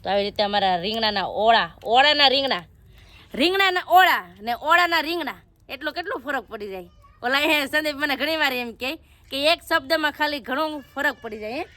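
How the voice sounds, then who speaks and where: A woman's voice: high voice, lively intonation, moderate pace, sharp tone. A woman narrating a casual family cooking vlog by a wood-fire stove at her village home, chatty and teasing. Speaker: family vlogger.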